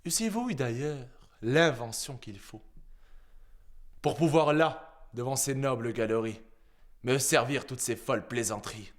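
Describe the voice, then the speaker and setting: A man's voice: lowish voice, close to an everyday voice. A man playing a proud, witty swordsman in a theatrical verse monologue, declaimed like a hammy stage actor with showy switches of tone. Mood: haughty contempt. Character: proud, witty swordsman mocking an insult to his large nose.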